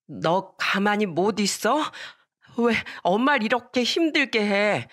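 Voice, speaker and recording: Woman doing a humble mom begging sorry, slow soft pleading voice. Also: medium pitch, animated, voice pushed up. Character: meek apologetic mother, gentle and pleading.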